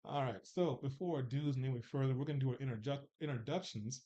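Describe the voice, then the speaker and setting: A man's voice: medium pitch, fast talker, mellow, highs cut off. A man in his forties hosting a live dating panel show in a loose, joking way, with filler words and restarts. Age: 40s. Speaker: host.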